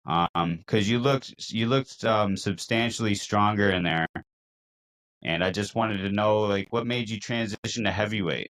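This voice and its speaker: A man's voice: fairly low pitch, unhurried, a bit bright, low-quality recording. A man interviewing a fighter, asking casual, friendly questions with some fillers.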